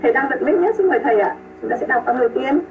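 A woman teaching pronunciation online over a video call. She models sounds slowly, repeats them and praises her students. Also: sits high, lively intonation, far from the mic. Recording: tinny call audio with music behind.

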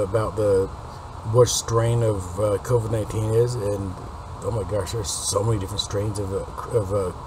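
A man in his late forties with a raspy smoker's voice, giving a casual, rambling update to viewers through a webcam. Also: fairly low pitch. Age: late 40s. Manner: rambling, informal. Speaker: video host. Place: unfinished basement room. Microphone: webcam or laptop mic at desk distance. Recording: noisy webcam recording with background hum.

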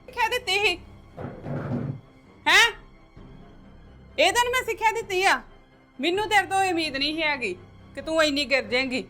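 A woman's voice: high-pitched, expressive, fast talker, sharp tone, soft background music. A woman playing a stern middle-aged mother who lectures and curses her married daughter in a family drama. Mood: scolding.

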